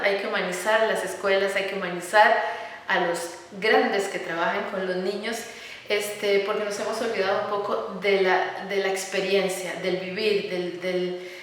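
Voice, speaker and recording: Earnest Costa Rican woman in an echoey room. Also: mid-range voice. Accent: Costa Rican Spanish. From Costa Rica. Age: middle-aged. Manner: earnest, warm about children, many fillers and repeated words. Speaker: architect and educator, interview guest. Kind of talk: conversational interview. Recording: echoey room, recorded from some distance.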